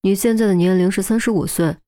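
A woman's voice: mid-range voice, fast talker, mellow, natural voice. A woman voicing a detached young male forensic expert who explains his deductions in a matter-of-fact way. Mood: probing. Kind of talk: audiobook character voice.

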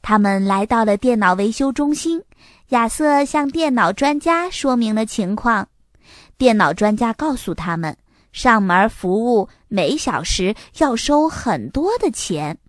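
A woman's voice: on the high side, unhurried, dry recording, studio quality. Woman reading a children's story. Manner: clear, expressive, even narration.

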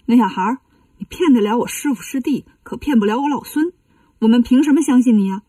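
A cocky, clever monkey king from a children's storybook, as a woman storyteller puts him on. He talks in quick, brash, mocking bursts. Her voice is fairly high and breathy, heard a little far from the mic. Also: dark tone, dry recording.

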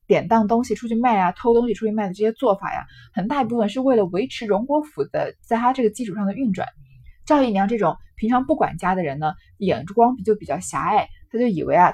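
A woman with a husky, slightly breathy voice explains a classic novel to listeners. She talks in a relaxed, conversational way, padding her sentences with soft fillers and drawn-out particles as she retells and comments on the story. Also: fairly high pitch.

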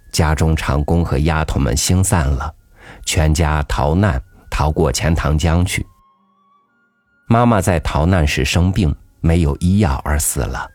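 A man reading a story aloud in a calm, measured storytelling voice. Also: extremely low pitch, dry recording. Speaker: audiobook narrator. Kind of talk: scripted storybook narration. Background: soft background music.

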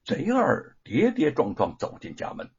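Male audiobook narrator, husky voice, wildly swinging pitch, dramatic delivery. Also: unhurried. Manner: dramatic, expressive reading. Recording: dull lo-fi recording.

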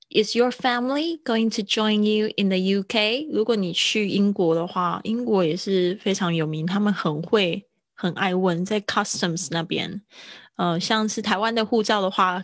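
A woman's voice: medium pitch, dry recording, clean studio sound. Chatty woman teaching English. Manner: chatty, explains patiently, laughs often. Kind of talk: live-streamed English lesson.

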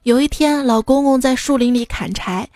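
A woman's voice: sits high, normal speed, warm tone, dry recording, studio quality. A woman radio host telling cold jokes in a playful storytelling manner, briefly putting on voices for her characters.

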